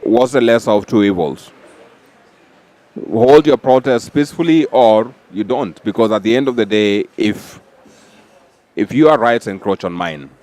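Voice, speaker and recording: A man co-hosting a political talk show, arguing in a measured, halting way with frequent pauses. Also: fairly low pitch, animated, darkish tone. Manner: measured, hesitant, many "uh" pauses. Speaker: podcast co-host. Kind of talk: political debate.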